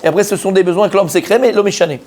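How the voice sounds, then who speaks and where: Rabbin à la voix haute, très animé. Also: male voice, sits high, racing. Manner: animated, addresses listeners directly, mixes Hebrew terms into French. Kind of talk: Torah lesson, lively sermon.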